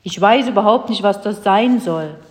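A woman voicing a huge, gruff, slow-witted male frost giant in a children's story reading, with slow, grumbling speech. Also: medium pitch, natural voice. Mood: grumbling puzzled. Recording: long hall reverb.

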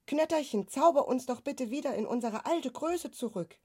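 Storybook kid: a high, urgent young boy read by a woman, a touch breathy. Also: expressive, normal speed, a little mellow. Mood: eager.

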